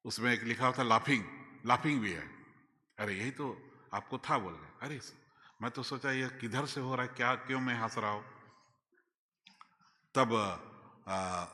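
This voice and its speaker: Bishop preaching in an echoing hall. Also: male voice, medium pitch, measured pace, pauses often. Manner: storytelling, swings between loud exclaims and quiet asides. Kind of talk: sermon testimony. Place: church hall.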